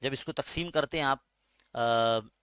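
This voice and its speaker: Unhurried and mid-range, this maths teacher's voice is fairly bright, clear and resonant as he walks students through a school lesson step by step. He speaks with an Indian Urdu-medium accent, checks in patiently, and frequently asks "है ना?", all in clean studio sound without room noise.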